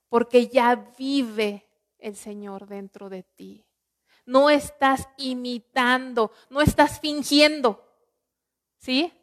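A woman with a Mexican Spanish accent preaching a sermon in an earnest teaching manner, asking rhetorical questions and slowing down on scripture. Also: on the high side.

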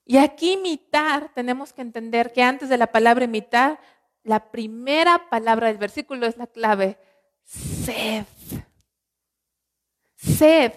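A high-pitched woman with a Mexican Spanish accent delivers a sermon. She teaches earnestly, poses rhetorical questions to her listeners and draws out the scripture verses slowly. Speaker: preacher.

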